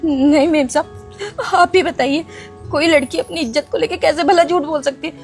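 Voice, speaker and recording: A woman's voice: high voice, steady tone, quick pace, soft background music, natural voice. An actress playing a poor, timid young housemaid who speaks hesitantly and cries as she talks, in a melodrama. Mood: tearful pleading. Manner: crying, hesitant, deferential. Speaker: maid. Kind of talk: social-media melodrama acting.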